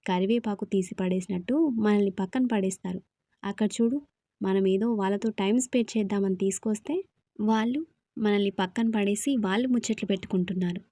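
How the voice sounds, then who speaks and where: A woman's voice: mid-range voice, fairly even intonation, brisk, mellow, no echo, clean studio sound, lightly acted. A woman voicing a playful young man who teases and jokes with his friends in a storybook. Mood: teasing. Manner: joking, teasing. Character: playful teasing young man, fond uncle.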